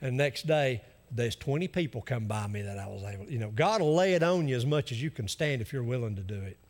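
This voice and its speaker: A man's voice: mid-range voice, lively intonation, fast, darkish tone. A man with an Appalachian accent preaching a conversational sermon in a folksy, emphatic way, acting out what people might say. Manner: folksy, emphatic, acts out imagined objections. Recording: reverberant hall.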